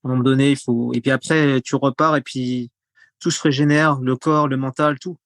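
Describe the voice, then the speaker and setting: Male podcast guest, mid-pitched, rambling casual speech, very dry recording. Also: steady tone, moderate pace, fairly bright tone, no echo. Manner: rambling, repeats words, frequent fillers. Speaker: podcast guest, content creator. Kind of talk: casual conversational interview.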